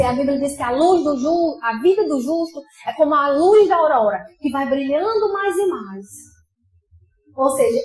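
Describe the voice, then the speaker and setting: High-voiced Brazilian woman preaching. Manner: impassioned, swings between loud outbursts and soft asides. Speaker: pastor preaching. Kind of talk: sermon. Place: church sanctuary. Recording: echoey church hall with faint music.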